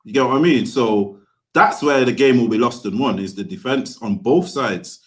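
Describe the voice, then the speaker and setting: A male co-host speaks with a London roadman accent and heavy street slang. His voice sits at a medium pitch as he gives casual, opinionated football banter. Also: moderate pace. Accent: London, roadman-style street slang. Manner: slangy, opinionated, repeats tag phrases like a street chat. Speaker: podcast co-host.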